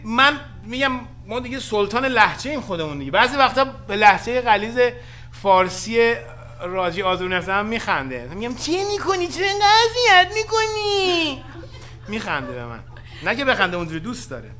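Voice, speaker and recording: Bright high-voiced playful Iranian man. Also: lively intonation. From Iran. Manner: playful, teasing, swings between loud laughing bursts and low asides. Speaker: show host. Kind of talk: casual live-stream chat.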